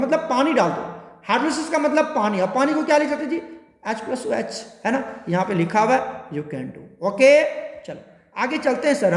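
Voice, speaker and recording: A male chemistry teacher giving a classroom lecture, repeatedly quizzing his students and drawing out key words. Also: very high voice. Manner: questioning students constantly, repetitive, drawn-out spelling. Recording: echoey room with long reverb.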